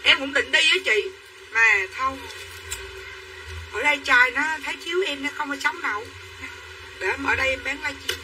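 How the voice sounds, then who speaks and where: Speaking at a moderate pace with long pauses, a high-pitched woman sells dresses on a livestream in chatty patter. She addresses her audience as sisters. The recording is distant, with faint room noise.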